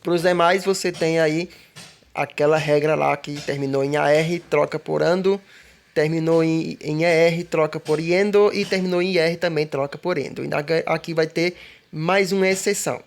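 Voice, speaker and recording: Teacher, mid-pitched, walks students through grammar patiently. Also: fairly even intonation, normal speed. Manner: patient, repetitive explaining with frequent "né?" and "ó". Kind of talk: recorded online grammar lesson.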